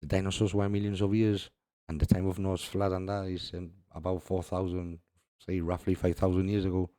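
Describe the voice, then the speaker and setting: Deep, dark-voiced man discussing scripture. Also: little pitch movement, brisk, dry recording, studio quality. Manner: reads scripture aloud, laughs often, repeats "see". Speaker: religious video host. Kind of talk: casual religious commentary.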